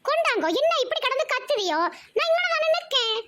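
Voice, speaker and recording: A woman voicing a brisk, chiding village mother in a cartoon, with a Tirunelveli Tamil accent. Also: very high-pitched, big pitch swings, noisy background. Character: middle-aged village mother, brisk and homely.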